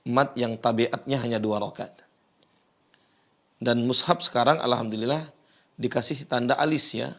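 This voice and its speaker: A man leads a recitation lesson at an unhurried pace. He talks his students through each sound with steady patience, then chants the verses slowly and draws the long vowels out. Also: mid-range voice. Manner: slow, patient teaching with drawn-out recited verses. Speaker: Quran recitation teacher.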